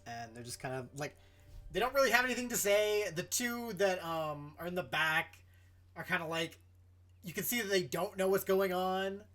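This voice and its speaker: A man's voice: high-pitched, expressive, moderate pace, bright, forceful tone. A man running a tabletop game as game master, narrating in a casual, filler-heavy way.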